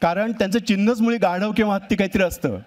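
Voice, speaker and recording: A man's voice: sits high, quick pace, a little mellow, pitched above the performer's own voice, close to an everyday voice. A man voicing a father donkey who coaxes and advises his child. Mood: coaxing. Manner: coaxing, advising.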